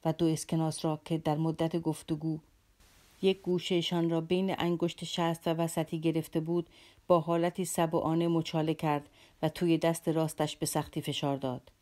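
A woman narrating a classic novel as an audiobook, measured and dramatic. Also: low-pitched, flat delivery, warm tone. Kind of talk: scripted literary narration.

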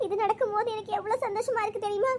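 Brief: cartoon bride, very high thin voice, earnest and tearful, a woman voices her, faint hiss. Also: fairly even intonation, fast talker. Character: emotional young bride.

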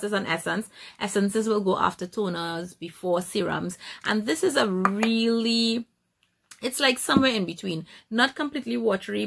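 Chatty woman with a gravelly voice. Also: medium pitch, a bit bright. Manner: chatty, many restarts and asides. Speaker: skincare vlogger. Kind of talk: casual product review.

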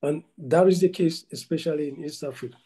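A middle-aged man from Cameroon speaks on a video call from a room at home. His voice is fairly high and strikingly tense and forceful. He talks haltingly, with many "uh"s and restarts. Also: poor audio. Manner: hesitant, many fillers and restarts. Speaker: football coach. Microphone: video call laptop mic.

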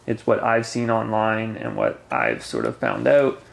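A man's voice: on the low side, sing-song, unhurried, gravelly. A man casually explaining how to make camp coffee, talking step by step at a picnic table in a forest. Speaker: camping gear reviewer.

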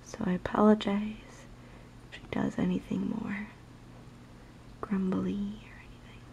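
A young woman speaks in a soft ASMR whisper, gently chatting to her viewers. Her voice is mellow and slightly gravelly, with a slow, soothing murmur that stays unhurried throughout. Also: medium pitch, low-quality recording. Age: young adult. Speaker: ASMR video maker.

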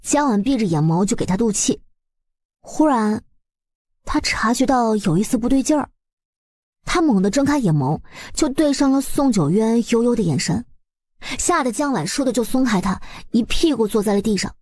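A woman narrates a story in a fairly high voice with a slightly husky edge. Her telling is colloquial and expressive, dramatizing the webnovel as she goes. The sound is close and dry. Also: moderate pace, no room sound.

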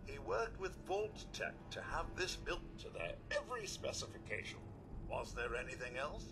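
An actor voicing a courteous, fussy robot butler with formal, deferential phrasing in video game dialogue. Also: male voice, fairly high pitch, big pitch swings, normal speed, music in the background. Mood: polite.

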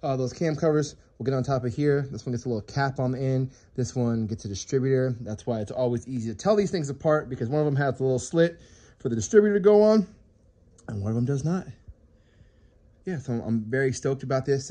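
Working on an engine in his home garage, a man vlogs about his car hobby with a phone camera in hand. He talks fairly quickly in a medium-pitched, mellow voice. He's chatty and pokes fun at himself with jokey asides as he discusses the build.

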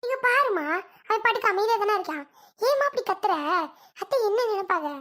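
A woman's voice: very high-pitched, lively intonation, fairly quick, fairly bright tone. A woman playing a young mother in a family comedy skit, who brushes off and mocks her nagging mother. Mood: dismissive. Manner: brushing off, mocking. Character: young mother, dismissive and teasing.

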